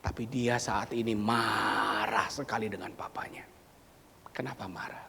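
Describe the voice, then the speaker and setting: A male preacher giving a sermon, dramatic and swinging from loud exclamations to near whispers, in a church sanctuary. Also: on the low side, fairly even intonation, unhurried, gravelly, a little hiss or hum. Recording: reverberant church hall.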